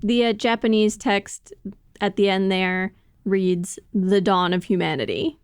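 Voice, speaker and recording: A woman's voice: medium pitch, unhurried, smooth, no echo, studio quality. A woman co-hosting a casual podcast discussion, explaining things in detail and laughing often as she talks. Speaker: podcast co-host.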